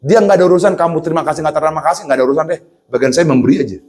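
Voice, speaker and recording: A man preaching a lively sermon in a church, asking his congregation questions and acting out the voices in his stories. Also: a little high, very fast, slight background noise. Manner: animated, acts out voices, asks the congregation questions.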